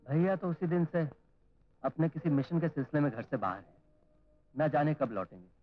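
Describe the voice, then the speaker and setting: An actor playing a gentle, guilt-ridden young man who speaks in an earnest, apologetic way, on a tinny old film soundtrack. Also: on the high side, lively intonation, moderate pace, lightly acted.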